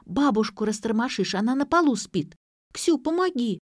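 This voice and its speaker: A woman voicing an excitable young schoolgirl who pleads in a high, agitated voice. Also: moderate pace, no echo, studio quality. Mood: pleading.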